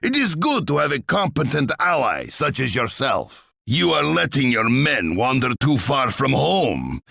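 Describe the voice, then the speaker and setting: Ivan the Terrible, gravelly, slow, wildly theatrical. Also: male voice, medium pitch, sing-song, bright, forceful tone, no room sound, clean studio sound, exaggerated voice. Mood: calculating. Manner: theatrical, pompous, relishing threats. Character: boastful, menacing Russian tsar and warlord, imperious and gleeful. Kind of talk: video game character voice lines.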